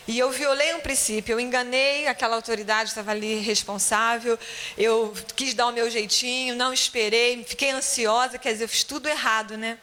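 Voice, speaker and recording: Brazilian woman, church teacher, bright and somewhat high, chatty testimony full of "right?" asides. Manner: conversational storytelling, frequent tag questions. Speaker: Bible-school teacher. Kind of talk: personal testimony in a church class.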